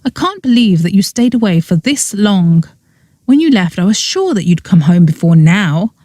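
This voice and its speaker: A sensible, insistent young witch, played by a woman narrator in a cozy mystery audiobook. She speaks firmly and earnestly in a mellow voice, recorded dry. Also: medium pitch, very animated, normal speed, no room sound. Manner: firm, earnest.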